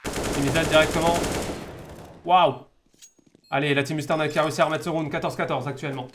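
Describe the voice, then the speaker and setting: A man from France, working as an esports caster, speaks briskly in a high-leaning, fairly bright voice with fairly even intonation. His casual live commentary on the video game match includes repeated words as he gropes for the next phrase, over a noisy stream of game gunfire and clicks.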